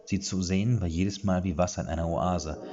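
Deep, expressive male storybook narrator, lively pitch, dull lo-fi recording. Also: brisk. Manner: expressive, acts out dialogue.

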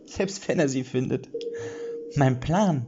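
A man's voice: slow, highs cut off, noisy background, natural voice. A man voicing a cruel, gleeful female witch in a fairy-tale audiobook, taunting and theatrical. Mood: gloating glee. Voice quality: high, sing-song and cackling.

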